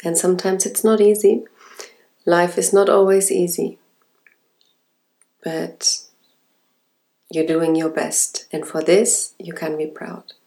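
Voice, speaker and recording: Woman, intimate ASMR relaxation host. Very unhurried, soft and soothing, with some creak in an even, lowish voice. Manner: slow, soft, sensual, soothing delivery with breathy whispered words.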